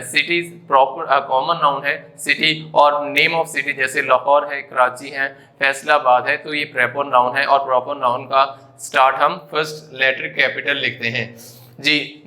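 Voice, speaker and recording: Bright-voiced man teaching grammar. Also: on the high side. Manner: explanatory, mixes English terms into Urdu; repeats points with frequent "जी" and "तो". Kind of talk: classroom grammar lecture.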